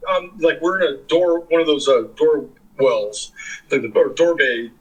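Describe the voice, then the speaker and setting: A man's voice: a little high, moderate pace, breathy edge, poor audio. A man in his fifties from the California Bay Area, a guest in an interview, telling long stories in a rambling, profane, casual way. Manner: rambling, profane, filler-heavy. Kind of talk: casual storytelling.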